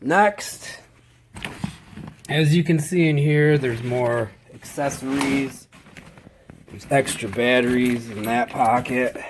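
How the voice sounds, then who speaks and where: A maintenance tech with a stuffy cold gives a casual walkthrough of his tools, talking slowly and haltingly but clearly enthusiastic about his gear. His voice is medium-pitched, with slight background noise.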